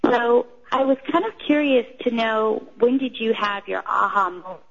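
A woman calling in over the phone, her voice gravelly with a touch of vocal fry. She speaks hesitantly and keeps reaching for "you know" between thoughts. The phone line dulls the sound. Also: fairly high pitch, normal speed. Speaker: caller. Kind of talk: call-in question. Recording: dull phone-line audio.

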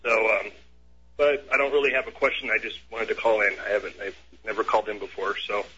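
A man's voice: on the low side, steady tone, quick pace, sharp tone, slight background noise. A man from Washington State calling in to a radio show over the phone, hesitant and full of ums. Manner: hesitant, lots of ums and uhs. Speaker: caller. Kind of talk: call-in radio chat. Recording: muffled phone line.

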